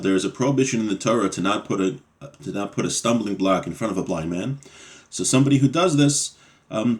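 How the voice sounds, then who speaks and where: A man with a fairly low voice teaches a class on a religious text, reading passages aloud and then explaining them plainly, with some ums and restarts.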